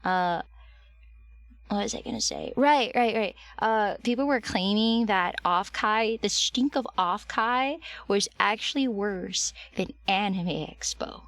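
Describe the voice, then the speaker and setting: A woman's voice: medium pitch, slow, a bit bright, no room sound. A woman livestreamer chatting casually and affectionately with her viewers, her voice slightly strained and recovering.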